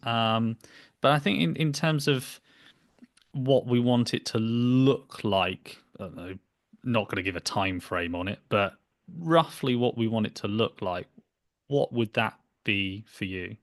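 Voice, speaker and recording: A young man hosts a podcast from a small room at home, holding a casual interview chat over a video call on his computer mic. His voice is fairly low and unhurried, and his delivery hesitant and rambling.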